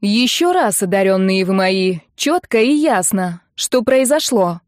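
A woman voicing a sharp-tongued, bossy young woman who talks in brusque, demanding bursts, in an audiobook. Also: mid-range voice, animated, measured pace, no echo, studio quality, natural voice.

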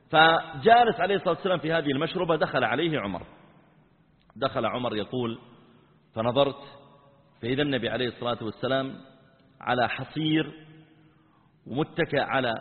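A fast, slightly high-voiced man tells a sermon story, sinking into hushed low tones to act out the quoted lines. The sound is thin and tinny, like a phone line, with a long reverb trailing off in a large hall. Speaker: preacher. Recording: tinny, band-limited recording in a reverberant hall.

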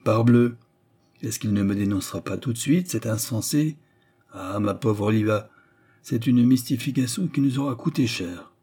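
With a warm, natural, mid-range voice at normal speed, a man reads aloud as a scheming, persuasive noblewoman adventuress in middle age. She terrifies her young companion with pretended sweetness. The reading is menacing, persuasive and insistent.

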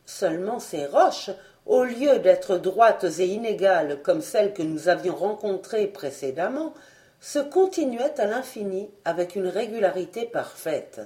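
Female audiobook narrator, lively and melodic, measured expressive delivery of classic adventure prose. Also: medium pitch. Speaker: audiobook reader. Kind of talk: scripted narration.

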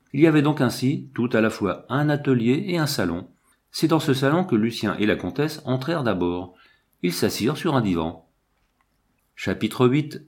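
A man narrating an older novel in a measured, expressive reading. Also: medium pitch. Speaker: audiobook narrator. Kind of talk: literary narration.

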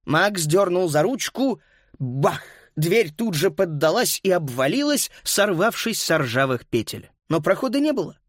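A man narrating a children's story as an audiobook, lively and voicing each child. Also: sits high, unhurried, dry recording, studio quality.

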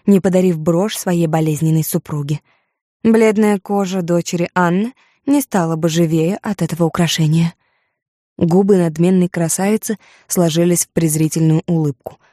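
Low-voiced woman narrating. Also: steady tone, dark tone, dry recording, studio quality. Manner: measured, dramatic reading. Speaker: audiobook narrator. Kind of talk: scripted narration.

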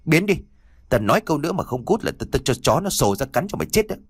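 Man doing a loud bullying house servant, forties, rapid and raised voice, audiobook. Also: on the high side, sing-song, husky, dry recording, clean studio sound, voice pushed up. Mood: furious. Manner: shouting, fast, abusive. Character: rude middle-aged male servant, bullying.

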